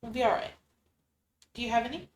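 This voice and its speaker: A woman's voice: fairly high pitch, a little fast. A woman chatting casually and wryly while playing a game. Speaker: game player. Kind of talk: casual chat while gaming. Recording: roomy with faint background noise.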